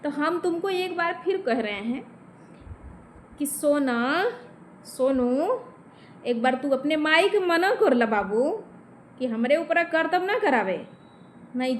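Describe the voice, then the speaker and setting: A woman with a high voice and a Bhojpuri accent talks straight into the camera, confrontational and emphatic. She speaks to an absent man and keeps checking with short tag questions. There is a faint background hum. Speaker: vlogger. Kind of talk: direct-to-camera vent.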